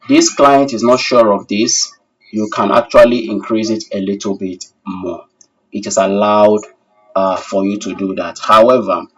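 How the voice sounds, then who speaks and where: An online technical course instructor teaches a live class and fields questions, courteously and formally calling learners sir and repeating phrases for emphasis. His voice is medium-pitched, captured from a distance with lo-fi sound.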